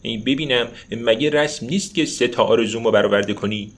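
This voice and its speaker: A man's voice: mid-range voice, voice pushed down, natural voice. A man voicing a frightened grown man who stammers in a children's story. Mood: anxious. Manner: stammers when nervous. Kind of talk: storybook narration.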